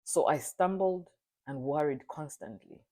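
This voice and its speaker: A speaker from Zambia giving an earnest, solemn personal testimony, sometimes halting and restarting. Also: medium pitch, expressive, darkish tone. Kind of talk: reflective spoken testimony.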